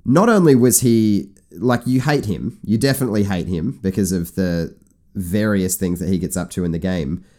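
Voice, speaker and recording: A man's voice: low voice, normal speed, dark tone. A man co-hosting a casual podcast chat, enthusiastic and rambling with restarts. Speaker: podcast co-host.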